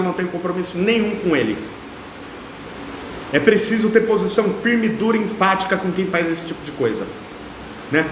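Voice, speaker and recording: A high-voiced man in his thirties with a São Paulo state Portuguese accent, making his case in an interview. He talks emphatically and hammers points home by repeating them. The room rings with a long, echoey reverb and a faint hum underneath. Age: 30s. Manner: emphatic, repeats phrases for force. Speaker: mayoral candidate. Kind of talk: political interview.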